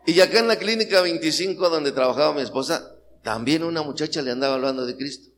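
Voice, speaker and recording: A middle-aged Mexican man with a fairly high, fairly bright voice preaches a sermon at a fast clip, stirring the congregation with questions in a Mexican Spanish accent. He's in a church hall, and the recording carries a long hall reverb and faint noise.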